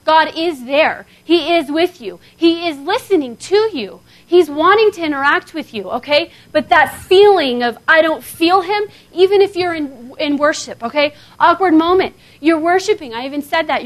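A woman in her thirties with a high voice preaches in a casual, animated way at a seminar. Speaking before an audience in a seminar hall, she keeps her sermon-style talk conversational and often checks in with "okay?"

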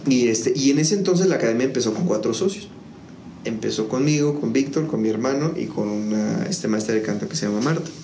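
A man's voice: medium pitch, a little fast, mellow. A man, a music school founder, telling his story in a casual interview with many fillers and restarts. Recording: echoey room with faint noise.

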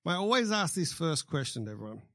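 Fast, gravelly Australian male host. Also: a little high, very animated, fairly bright tone, dry recording, studio quality. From Central Coast, New South Wales, Australia. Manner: friendly, joking, quick questions. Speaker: podcast host. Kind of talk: casual interview chat.

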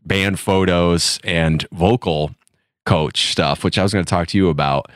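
Deep-voiced radio host plugging supporters. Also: male voice, measured pace, no room sound, clean studio sound. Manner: upbeat host plugging sponsors and the show. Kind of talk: radio host announcing shout-outs to supporters.

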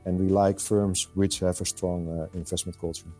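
A middle-aged man from the Netherlands with a Dutch accent, answering interview questions in a measured way with frequent hesitations. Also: sits low, level tone, mellow, faint music behind. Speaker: podcast guest, fund selector.

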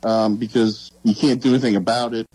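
A man talking casually on a sports show in an earnest, halting, reflective way. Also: on the low side, fairly even intonation, mellow, slightly rough, no echo, rough recording.

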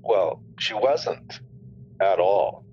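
A man's voice: low-pitched, expressive, drawn-out words, darkish tone, a little hiss or hum. A middle-aged father retelling events in an interview, blunt and heavy with profanity. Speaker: victim's father. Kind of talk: recorded interview recollection. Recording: dull lo-fi interview audio.

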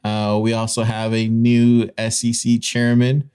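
A man's voice: medium pitch, completely flat delivery, a little slow, mellow, clean tone. A man delivers informal news commentary as a show host. He talks partly off the cuff and leans on repeated phrases to make his points emphatic.

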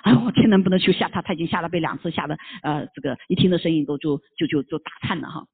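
A preacher tells a sermon parable with lively acted-out sound effects and keeps checking in with rhetorical questions. The voice sits at a middling pitch and comes through a narrow, tinny, phone-like channel. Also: very fast, vocal fry, breathy edge. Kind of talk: storytelling sermon.

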